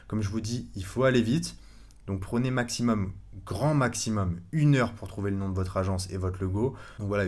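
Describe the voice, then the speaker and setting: A man giving a casual screen-recorded tutorial, chatty and relaxed, with many fillers and self-corrections. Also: deep voice. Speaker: online course instructor.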